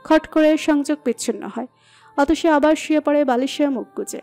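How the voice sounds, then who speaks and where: Brief: female storyteller, high mellow tone, steady expressive narration. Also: normal speed. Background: soft background music.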